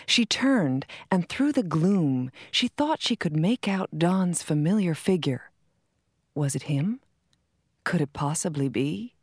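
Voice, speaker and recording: A woman reading a short romantic story aloud in a calm, measured narrating voice. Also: lowish voice, slightly rough, no echo, clean studio sound. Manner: calm, measured reading with soft quoted dialogue.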